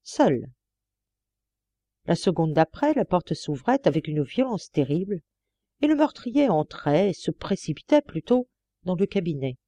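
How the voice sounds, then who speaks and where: Warm-voiced woman reading aloud. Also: lowish voice, no room sound. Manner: measured, expressive reading. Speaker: audiobook reader. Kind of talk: scripted narration.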